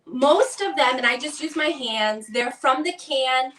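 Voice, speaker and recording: Woman, Boston accent, chatty cooking-demo host, bright voice; echoey kitchen, distant mic. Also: sits high, expressive, measured pace, slight background noise. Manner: upbeat, chatty, talks to viewers while working. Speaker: cooking demonstrator. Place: home kitchen.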